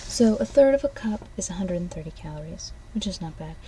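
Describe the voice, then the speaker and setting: A woman doing an ASMR ASMR role-play in a soft, hushed voice, speaking gently and directly to the listener. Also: fairly low pitch, animated, a little fast, slight background noise, poor audio. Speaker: ASMR host. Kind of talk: soft ASMR ASMR role-play, tasting snacks and reading oracle cards.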